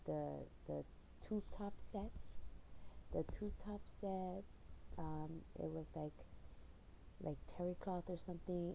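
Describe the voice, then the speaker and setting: A woman's voice: fairly low pitch, warm tone, slight background noise, low-quality recording. A middle-aged woman from Hawaii, chatting casually in her own vlog and telling stories with lots of fillers. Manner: rambling storyteller with frequent fillers and laughs. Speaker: channel owner.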